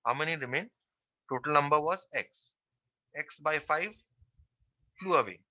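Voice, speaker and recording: Bright-voiced math teacher. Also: male voice, on the high side, unhurried, no echo, lo-fi sound. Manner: step-by-step, repeats key phrases. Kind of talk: online class explanation.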